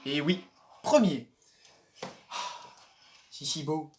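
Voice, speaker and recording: A man's voice: on the high side, lively intonation, drawn-out words. A man giving casual, hesitant commentary while playing a racing game, often restarting his sentences and chuckling. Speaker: gaming video host.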